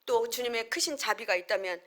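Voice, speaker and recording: A middle-aged woman pastor giving an earnest, conversational sermon. She uses homely family examples and acts out short quoted lines with sudden jumps in pitch and loudness. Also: a little fast.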